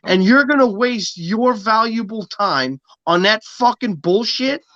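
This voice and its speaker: A man's voice: high voice, lively intonation, unhurried, a bit bright, no room sound, dull audio. Emphatic ranting man in his thirties. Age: 30s. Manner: emphatic, preachy, swearing. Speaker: podcast host. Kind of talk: casual podcast rant.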